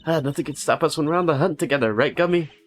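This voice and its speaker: A man's voice: on the high side, quick pace, faint music behind, pitched above the performer's own voice, natural voice. A man voicing a cocky, playful young great thief from a video game. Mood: cocky, teasing. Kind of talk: video game character reading.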